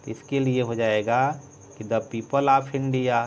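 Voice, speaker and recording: Indian english teacher guy, very slow, spells letters while writing, voice drops off quiet, faint insect hum behind. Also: medium pitch, fairly even intonation. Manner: dictates letter by letter, trails off softly while writing. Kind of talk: slow board-writing lesson, spelling out words.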